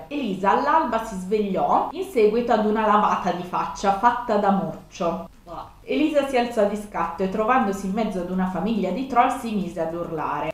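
A woman in her thirties hosting a video, casually reading her old stories aloud and breaking off to make fun of them. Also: medium pitch. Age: 30s. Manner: self-mocking, breaks off to comment. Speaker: video host. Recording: very echoey room.

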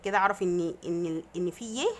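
A woman's voice: on the low side, quick pace. A woman with an Egyptian Arabic accent teaching a grammar lesson to young children, patiently explaining and answering her own questions, drawing out vowels to demonstrate long sounds. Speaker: primary school teacher.

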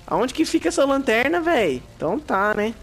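A young man with a Brazilian Portuguese accent giving slangy let's play commentary, swearing freely and shouting in alarm when startled. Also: very high voice, sing-song, a little fast, soft background music. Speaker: gaming YouTuber.

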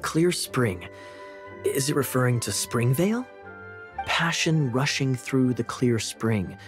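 A suave young knight from a video game, speaks at a medium pitch. He is smooth and deliberate, with a playful, teasing edge. Faint music sits behind his voice. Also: lively intonation. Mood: musing, assured.

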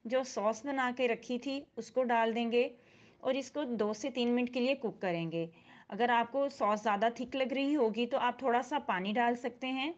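A woman hosting a cooking channel, talking calmly through a recipe step by step in a voice-over. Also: fairly high pitch, highs cut off. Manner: calm step-by-step instruction. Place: voice-over, not recorded in the pictured kitchen.

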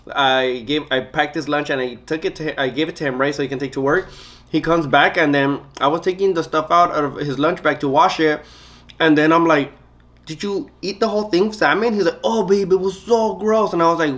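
Guy doing a mukbang, kinda high voice, chatty, tells stories while eating. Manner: chatty storytelling with lively quoted voices. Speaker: mukbang host. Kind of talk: casual eating vlog chat.

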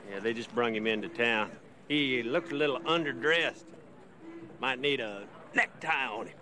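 An actor playing a menacing small-town bully, sneering and taunting, in a period film drama. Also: male voice, medium pitch, normal speed, a crowd in the background, lightly acted. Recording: noisy outdoor river landing.

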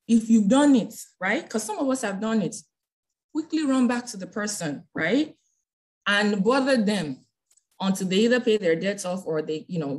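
A woman leading a casual bible study over a group call, talking in a chatty way and often ending her points with "right?". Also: medium pitch. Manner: chatty, ends phrases with "right?".

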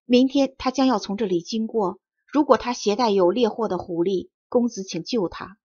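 A woman's voice: mid-range voice, normal speed, dark tone, breathy edge, no room sound, lightly acted. A woman reading an imploring young man. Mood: sorrowful. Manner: sorrowful, imploring. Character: stern young male messenger. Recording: dull lo-fi recording.

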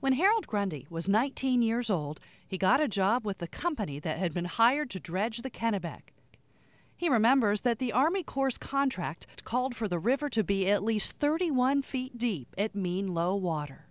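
A woman reading scripted documentary narration in a measured, informative way. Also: mid-range voice, very animated, no echo.

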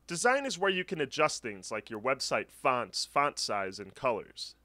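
Mid-range in pitch but bright and pushed, a man's voice swings widely while keeping a normal speed. He narrates a scripted website setup walkthrough as a voice-over for a screen recording, giving clear step-by-step guidance.

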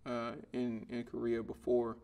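A man in his thirties hosts a relaxed podcast conversation in a living room, chatty and quick to laugh. His voice has a gravelly edge at a middle pitch. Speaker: podcast host. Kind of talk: casual interview.

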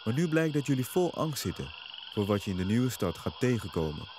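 A man voicing a wise old male guru who speaks in a calm, measured, lecturing way. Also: mid-range voice, noisy background, close to an everyday voice. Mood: stern. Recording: nature ambience with crickets and frogs.

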